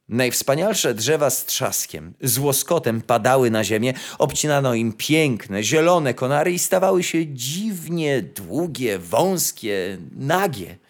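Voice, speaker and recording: A man reading a fairy tale aloud with expressive, sing-song storytelling. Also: medium pitch. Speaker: narrator.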